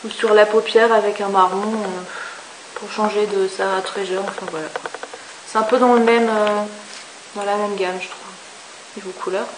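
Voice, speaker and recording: A woman's voice: mid-range voice, level tone, moderate pace. A woman chatting enthusiastically through a makeup review, with many fillers and asides. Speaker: beauty vlogger. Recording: echoey room with faint hiss.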